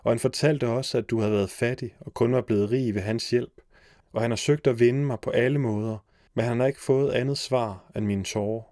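A man's voice: medium pitch, fairly even intonation, dark tone, no echo, studio quality, close to an everyday voice. A man voicing a grieving young princess, tender and sorrowful, in a storybook reading.

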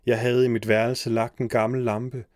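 A man's voice: medium pitch, flat delivery, darkish tone, no echo, studio quality, close to an everyday voice. A man voicing a young hero in a storybook reading, earnest and commanding. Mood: resolute. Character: young male hero, resolute.

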